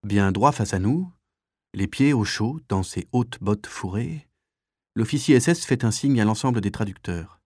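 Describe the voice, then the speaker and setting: A man narrating a memoir audiobook in a sober, measured way. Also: on the low side, animated, a little mellow, dry recording, studio quality.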